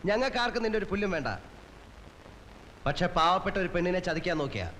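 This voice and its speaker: A stern, menacing elder brother. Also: male voice, lively intonation, fairly bright tone, long reverb tail, slight background noise, poor audio. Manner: low, firm, measured warnings. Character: stern protective elder brother, calm and threatening. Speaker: lead actor in a crime drama film.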